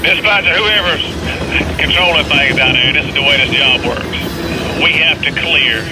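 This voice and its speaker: A train crewman talking to his dispatcher over a two-way radio in a matter-of-fact, procedural way. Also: mid-range voice. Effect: railroad two-way radio. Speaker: freight train crew member. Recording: noisy, crackly train radio chatter outdoors.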